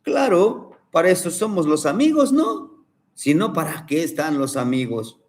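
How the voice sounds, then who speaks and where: A man's voice: fairly high pitch, big pitch swings, measured pace, a little mellow. A man voicing a cheerful, encouraging female ant friend. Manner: upbeat, encouraging.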